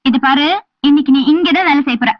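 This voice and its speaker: A woman's voice: high voice, fast talker, dry recording, lightly acted. A woman playing a bossy, haughty employer in a film comedy. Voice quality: commanding. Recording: dull lo-fi film soundtrack with loud music.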